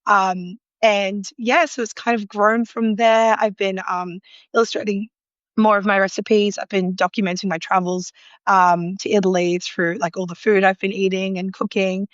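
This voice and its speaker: Calling in remotely from an apartment in a loud city with sirens outside, an Australian woman who's a food illustrator talks casually as a live online interview guest, using many ums and likes and laughing often. Her medium-pitched voice keeps a level tone at normal speed. There's no echo, but the highs are cut off.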